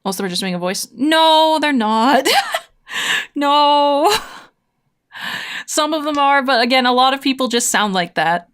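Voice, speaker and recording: Talking quickly with hardly any pauses, this woman has a fairly high, smooth, fairly bright voice full of animation. She streams online mahjong as a VTuber and chats in a rambling, slangy way, thinking aloud and answering viewers.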